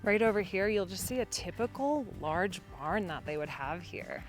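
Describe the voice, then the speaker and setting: Speaking at medium pitch with lively intonation and a moderate pace, a former tour guide turned travel vlogger shows viewers around. She's chatty and enthusiastic, narrating stories like a guide, and background music runs under her voice.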